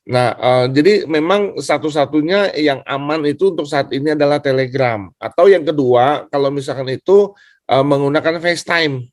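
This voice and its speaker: A man takes part in a class discussion as a student, giving an informal, deferential explanation that keeps looping back over what he said. He speaks at a moderate pace in a higher voice, and the recording is dry and studio quality.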